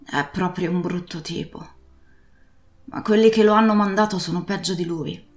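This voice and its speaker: A woman's voice: on the low side, moderate pace, reverberant, close to an everyday voice. Woman putting on an old drunken pirate captain. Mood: agitated. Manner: pleading then blustering, ranting.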